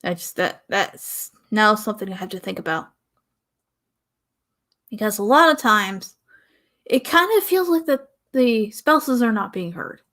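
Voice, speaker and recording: Slow, rambling woman podcaster. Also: mid-range voice, expressive, a bit bright. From American South. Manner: rambling, pauses often, sighs. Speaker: podcast host. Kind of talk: casual solo podcast talk.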